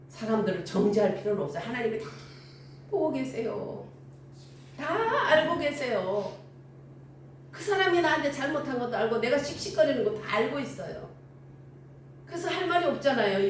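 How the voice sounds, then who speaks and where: An older woman preaches a lively sermon, and her high voice swings up and down as she acts out each exchange. She sounds set back from the mic in a very echoey room, with a faint hum of ambience behind her. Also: recorded from a distance. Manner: animated storytelling with acted-out dialogue.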